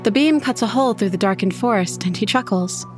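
Expressive woman narrating a first-person horror tale. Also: medium pitch, a little fast, over music. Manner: intimate, expressive, voices her own character's lines.

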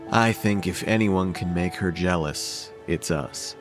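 An actor playing a playful, steady young boyfriend in an audio horror drama, teasing and easygoing. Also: male voice, sits low, a little slow. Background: music.

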